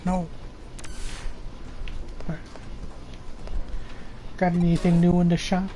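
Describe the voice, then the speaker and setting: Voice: medium pitch, monotone, takes it slowly, warm tone, a little hiss or hum. A game streamer doing a let's play, reading dialogue aloud in a casual way with mumbled asides and small stumbles.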